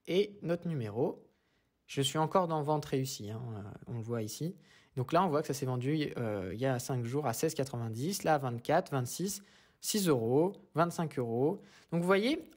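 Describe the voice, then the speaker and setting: A man's voice: fairly high pitch, darkish tone. A man with a French accent, hosting a casual screen-share tutorial and talking through each step in a chatty way. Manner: chatty, walks through steps with "hop" and "voilà". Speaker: YouTube host.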